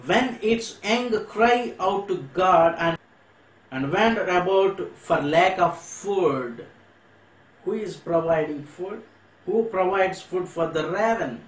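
Man, Indian English accent, earnest sermon, slow deliberate delivery, slightly high voice, echoey church hall. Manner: earnest preaching, slows and swells to stress words, repeats phrases. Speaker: pastor.

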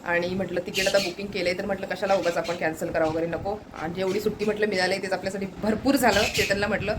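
A woman's voice: medium pitch, level tone, very fast, noisy background. A woman from the Konkan in India, chatting casually and rambling to her viewers in a home vlog, laughing often. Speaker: vlogger.

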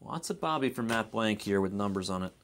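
A man's voice: fairly low pitch, expressive, fairly quick, a bit bright, a little hiss or hum. A man hosting a live card break, giving easygoing running commentary and second-guessing how to pronounce names. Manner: easygoing running commentary, unsure of name pronunciations.

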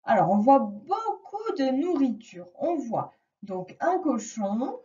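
A woman teaching a reading lesson to a young child, slowly and patiently stressing each sound. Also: high voice, very animated, warm tone, far from the mic, highs cut off. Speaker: primary school teacher.

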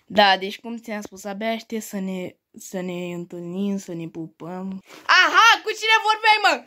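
A woman acting out a family comedy sketch, quick and bickering, with frequent swearing. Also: mid-range voice, expressive, sharp tone, slight background noise. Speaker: sketch comedian playing several family roles.

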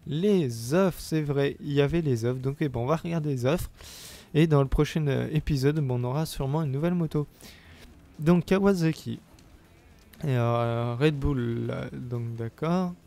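Young gamer guy w/ sore throat, gravelly low-key voice, chatty and stumbly while he plays. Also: moderate pace, dark tone. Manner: chatty, hesitant, bursts of playful cheering. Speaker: let's play gamer. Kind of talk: casual game commentary.

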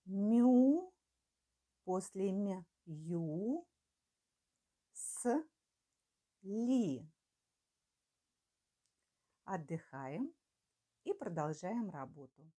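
Very slow, mellow older woman dictating. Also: medium pitch, big pitch swings. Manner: dictating word by word, with careful articulation and repeats. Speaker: teacher. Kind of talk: dictating a spelling test to schoolchildren. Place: small furnished room with curtains, indoors.

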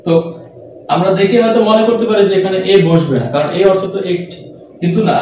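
A man teaching English grammar rules to students, patiently repeating the key points and reading examples slowly. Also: high-pitched, mellow, a little hiss or hum. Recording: very echoey room, voice from a distance.

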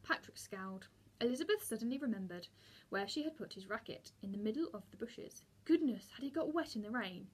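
Brief: teacher reading a children's story aloud, somewhat high and husky. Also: female voice, fairly quick. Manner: steady storybook reading with small slips.

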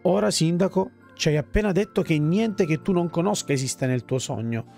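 A man's voice: on the high side, normal speed, vocal fry, dark tone, faint music behind. Man reading as a haughty talking book. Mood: lecturing.

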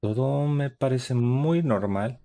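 A man's voice: mid-range voice, slow pace, creaky, warm tone. A young man, giving chatty, upbeat running commentary while streaming a horror game. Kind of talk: live gaming stream commentary.

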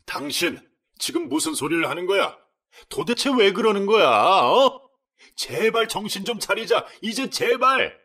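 Man doing an older father-in-law, anguished, pleading, slow, swooping, distant mic. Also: high voice, big pitch swings, voice pushed up, heavily acted. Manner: pleading, tearful shouting.

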